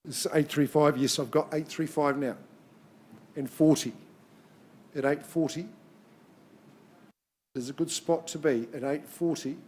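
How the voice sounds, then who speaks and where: Higher-voiced man calling a live property auction. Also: fairly even intonation, a little slow, pauses often, darkish tone, slightly rough. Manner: chatty patter between clipped, repeated number calls. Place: in-room auction.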